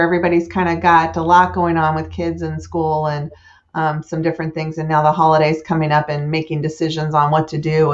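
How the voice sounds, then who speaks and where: Woman host, enthusiastic casual chatter, muffled call sound. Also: on the low side. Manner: chatty, enthusiastic, frequent fillers. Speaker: host of weekly staff wrap-up. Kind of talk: casual staff chat.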